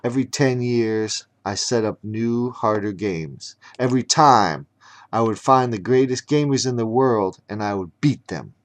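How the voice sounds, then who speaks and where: A man's voice: medium pitch, unhurried, natural voice. A man voicing a boastful sixteen-year-old boy villain who runs deadly games, in a storybook reading. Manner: bragging, resentful monologue.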